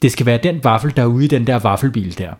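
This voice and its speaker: A man's voice: mid-range voice, darkish tone, husky, natural voice. A man voicing a stubborn eight-year-old girl in a children's story, piling up big demanding words. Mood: insistent.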